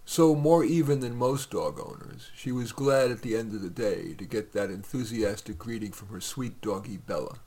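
A man's voice: fairly low pitch, normal speed, few pauses, warm tone. A man reading his own short stories aloud on a podcast, in a conversational way with occasional fillers.

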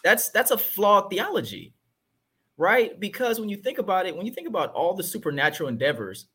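A man's voice: high-pitched, animated, a little fast, sharp tone, breathy edge. A man talking earnestly and emphatically about faith and the church in a casual discussion.

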